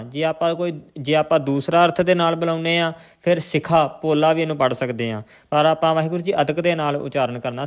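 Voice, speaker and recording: A man teaching scripture recitation, reading verses in a measured, even chant and stopping to explain pronunciation. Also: a little high, smooth.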